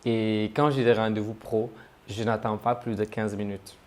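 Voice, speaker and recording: A man's voice: fairly low pitch, flat delivery, moderate pace, a little mellow. A man from Senegal talking casually to camera about himself, chatty and joking at his own expense. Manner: chatty, joking, self-mocking. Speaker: travel vlogger.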